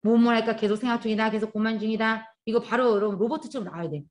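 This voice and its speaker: A woman teaching English grammar in a live classroom lecture, explaining quickly and then slowly drilling example sentences. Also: on the high side. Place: lecture classroom at a language academy.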